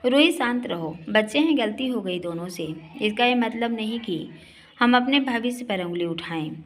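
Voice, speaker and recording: A woman voicing an older father who speaks gravely and calmly. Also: medium pitch, normal speed, lightly acted. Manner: grave, calming.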